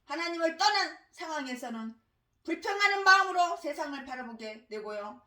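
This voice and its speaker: Very high-pitched, bright-voiced woman pastor. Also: expressive, moderate pace, echoey room. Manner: emphatic, repeats words and phrases; breaks into harsh shouted tirades. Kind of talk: sermon. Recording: voice distant from the mic.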